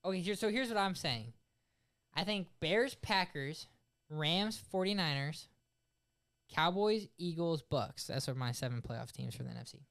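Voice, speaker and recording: A man's voice: fairly high pitch, animated, normal speed, creaky, a bit bright. A man in his twenties co-hosting a casual sports podcast, brash and argumentative, swearing often. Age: 20s. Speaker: podcast co-host.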